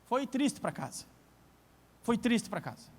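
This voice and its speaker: Brief: man preaching to his congregation, animated storyteller, high voice, echoing church hall. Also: a little slow. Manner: lively, storytelling, addresses the congregation directly. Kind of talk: sermon. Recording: long church hall reverb.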